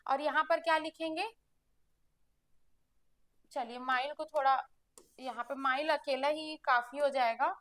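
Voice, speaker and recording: High-voiced woman teaching grammar. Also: steady tone, measured pace, long pauses, a bit bright. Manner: explains step by step, asks questions and answers them herself. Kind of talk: exam prep lesson.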